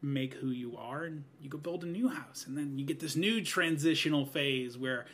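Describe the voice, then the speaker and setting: A podcast guest in his thirties reflects on getting older, speaking earnestly and rambling with lots of "you know"s. His slightly high voice is a bit bright and husky, at normal speed.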